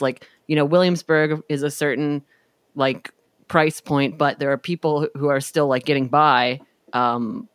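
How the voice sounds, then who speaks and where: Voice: medium pitch, dry recording, clean studio sound. A podcast co-host in casual political chat, meandering and hedging with many fillers.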